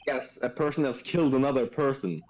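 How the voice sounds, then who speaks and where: A man's voice: mid-range voice, animated, a little fast, crowd noise, low-quality recording. A man reading video game dialogue aloud, mixed with casual commentary. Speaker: gaming show player and reader.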